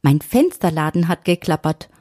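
A woman voicing a small, friendly, cheerful female elf in a high, chirpy way. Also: animated, normal speed, warm tone, dry recording, studio quality.

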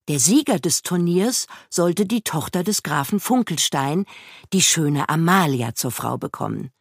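Female storyteller for a children's tale: expressive, unhurried, slightly husky, with a lowish voice. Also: no echo, clean studio sound. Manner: expressive storybook telling, acting out the characters' lines.

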